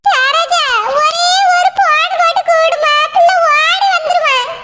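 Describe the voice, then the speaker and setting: A woman's voice: extremely high pitch, steady tone, unhurried, bright, forceful tone, heavily acted. A woman voicing an older village mother-in-law in a cartoon, with a Tirunelveli Tamil accent, coaxing and persuasive. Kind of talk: cartoon voice acting.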